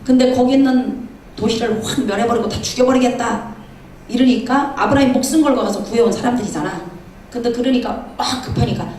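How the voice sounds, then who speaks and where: A woman preacher giving a sermon in a church, telling a story with lively acted-out dialogue. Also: a little high, a little fast, slight background noise. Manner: animated storytelling, acting out dialogue. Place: church sanctuary. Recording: echoey church hall from far off.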